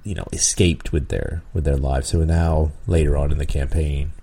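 Guy with a really deep mellow voice rambling about running games, lots of ums and little laughs. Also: little pitch movement, normal speed, breathy edge. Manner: rambling, chuckles often, many ums and restarts. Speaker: podcast host and dungeon master. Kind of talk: casual advice talk.

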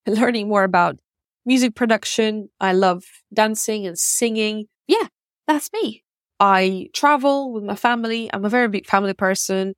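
A woman's voice: mid-range voice, no echo, clean studio sound. Woman in her thirties, candid podcast monologue. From Ukraine, grew up in Russia. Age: 30s. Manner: candid, musing, with frequent fillers and restarts. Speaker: podcast host. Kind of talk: reflective personal monologue.

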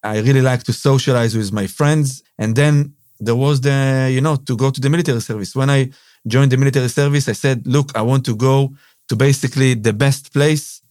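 An Israeli-accented business owner hosts a podcast, delivering a casual monologue fairly quickly with non-native phrasing and frequent "uh" and "basically." His mid-range voice is a little mellow with fairly even intonation, captured in a dry, clean studio recording.

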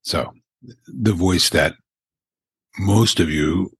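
An older man who hosts a paranormal podcast, telling stories in an unhurried way with asides, in a very deep gravelly voice. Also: no echo. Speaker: podcast host. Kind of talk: paranormal countdown narration.

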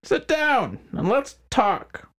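A man voicing a sadistic, mocking male crime boss with a high-pitched, squealing voice. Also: sing-song, slow, a bit bright, exaggerated voice. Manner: mocking, smug and menacing.

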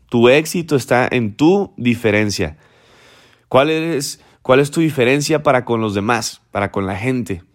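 A man delivers a motivational mentoring talk in a preachy, emphatic way. He keeps asking the listener direct questions and hammers his points home through repetition. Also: mid-range voice. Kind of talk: motivational speech.

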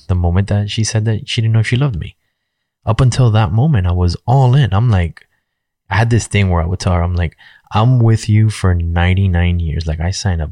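A man's voice: low voice, dark tone, no echo, clean studio sound. A man in his forties speaking candidly and frankly in a rambling personal monologue, swearing casually and using lots of fillers. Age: 40s.

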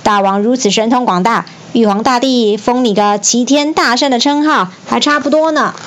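A woman voicing a male monkey subject who flatters his king in a fawning way. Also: a little high, normal speed, a little hiss or hum, natural voice. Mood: flattering.

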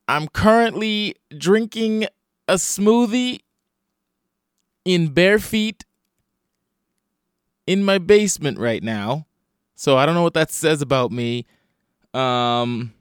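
A man's voice: fairly high pitch, animated, takes it slowly, long pauses, clean tone, no echo, studio quality. Self-deprecating man with a split, swollen lip. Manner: rambling, self-deprecating, swearing freely. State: swollen, bruised upper lip; tired and hungover. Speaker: podcast host and comedian. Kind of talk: casual solo comedy podcast chat. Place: at home in a basement.

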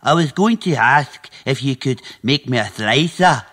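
An actor playing a naive, literal-minded and earnest toilet cleaner in an audio comedy. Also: male voice, medium pitch, expressive, a little slow, a bit bright. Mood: meek, earnest.

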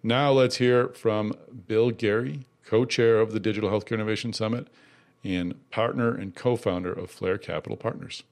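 Podcast host guy, lowish voice, chatty, lots of uhs. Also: steady tone, normal speed, creaky, darkish tone, slight background noise. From Boston area. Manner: conversational, filler-heavy. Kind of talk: podcast intro and interview.

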